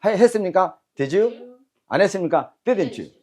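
Male teacher, slightly high voice, barking drill cues in a brisk lecture. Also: sing-song, mellow. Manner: brisk and commanding, barks cues and repeats phrases. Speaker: English teacher. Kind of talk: classroom lecture with call-and-repeat drills.

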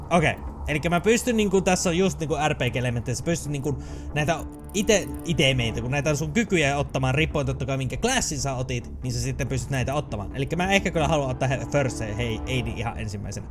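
A young man with a Finnish accent giving excitable, chatty let's play commentary, swearing and laughing often as he plays. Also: mid-range voice. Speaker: gaming channel host.

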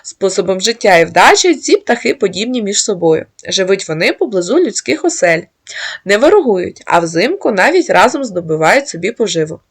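A woman host giving a measured, scripted narration, reading aloud as if from a prepared text. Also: medium pitch, big pitch swings, husky.

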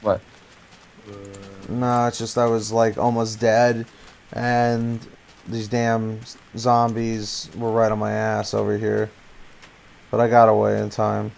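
Man, gravelly voice, excitable gameplay commentary, faint background hiss. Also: fairly low pitch, slow. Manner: excitable, swearing, exclaims at the game. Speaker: gaming channel host.

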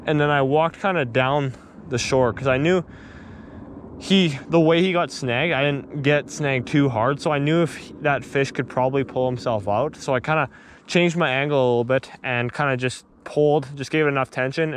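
A young man filming himself fishing on a river shore, chatting excitedly on an action camera with lots of fillers and restarts. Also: mid-range voice, moderate pace, a little hiss or hum. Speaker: fishing vlogger. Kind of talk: casual on-the-spot fishing commentary. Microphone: action camera on body.

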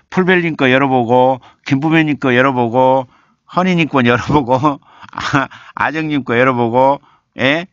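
Older male professor streaming live, playful and repetitive as he reads out chat; bright, forward voice over dull lo-fi audio. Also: medium pitch, clear, resonant tone, dry recording. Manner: chatty, reads viewer comments aloud and teases them playfully; explains patiently, repeating himself. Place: home streaming room.

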